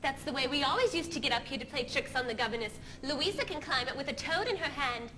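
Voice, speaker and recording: A nervous teenage daughter, played by a woman on a school stage hurries through pleading excuses. Her voice is high and bright, with a sharp edge. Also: lively intonation, fast talker, a little hiss or hum. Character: nervous teenage girl, eldest daughter, sneaking home. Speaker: stage musical actor. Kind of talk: stage musical acting.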